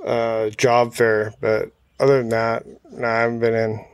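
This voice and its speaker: Outdoors in a backyard, a man who races motorcycle hill climbs chats as an interview guest, swapping racing stories in a relaxed, slangy, somewhat hesitant way. His voice is medium-pitched, monotone and resonant, clear and unhurried, with no room sound.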